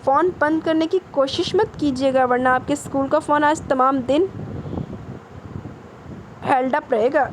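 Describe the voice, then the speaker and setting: A woman's voice: high voice, pauses often, slight background noise, natural voice, poor audio. A woman voicing a brash young gangster man who makes playful, boastful threats. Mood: taunting.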